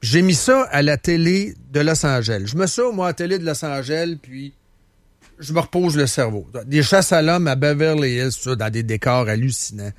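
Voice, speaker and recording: This chatty radio host speaks with a Quebec French accent, a fairly high pitch, and lively intonation at a moderate pace. The recording is dry, and his casual talk rambles through stories full of fillers.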